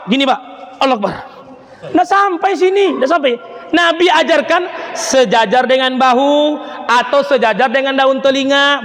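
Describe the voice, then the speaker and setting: A man preaching a lively sermon to a congregation, theatrical and acting out scenes, often asking the listeners questions. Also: very high voice. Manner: theatrical, asks the audience questions, acts out scenes. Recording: echoey hall with long reverb.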